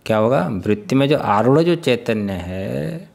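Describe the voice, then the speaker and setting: A male spiritual teacher giving a scripture class, often putting questions to his listeners, chuckling and sounding out syllables slowly. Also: medium pitch, expressive, vocal fry, a little mellow. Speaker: Vedanta teacher.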